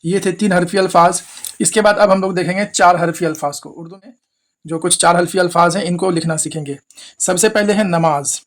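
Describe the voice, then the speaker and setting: A man's voice: sits high, steady tone, brisk, fairly bright tone. A man teaching Urdu spelling who spells each word out letter by letter, asks his viewers questions and repeats every word.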